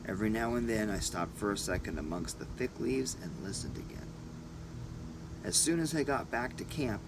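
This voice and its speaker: A man reads a first-person adventure story as an audiobook narrator, using short, deliberate phrases. His voice is deep, and the background is noisy.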